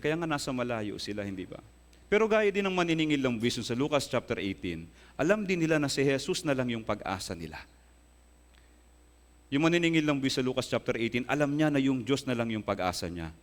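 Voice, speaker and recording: A male pastor preaching a sermon with earnest emphasis, often asking his congregation rhetorical questions and rising into emphatic high bursts. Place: church hall. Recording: long hall reverb.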